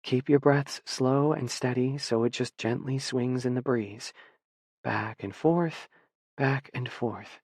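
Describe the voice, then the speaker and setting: A man voicing a playful, outspoken young woman, lifting his voice higher than his narration. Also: a little fast, few pauses, no room sound, studio quality, close to an everyday voice. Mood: soft soothing.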